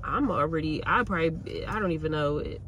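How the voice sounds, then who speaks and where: A woman's voice: low voice, lively intonation, a little fast, a bit bright. A woman vlogging casually about her new nail salon, candid and rambling, from Pennsylvania. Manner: candid, rambling, uses y'all and like a lot. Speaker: nail tech and salon owner. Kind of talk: casual vlog chat. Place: in a car. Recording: car and street noise behind.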